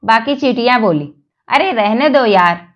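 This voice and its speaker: A woman reads short jokes one after another and keeps the same plain voice for every character. Her voice sits fairly high. The recording is echoey and muffled. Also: expressive, measured pace. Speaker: joke reader. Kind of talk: reading jokes aloud.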